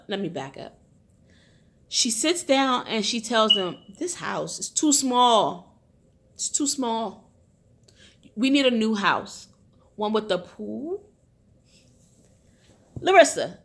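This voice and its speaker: A woman's voice: fairly high pitch, a bit bright. A woman giving casual commentary as a reality TV reviewer, blunt, opinionated and profane.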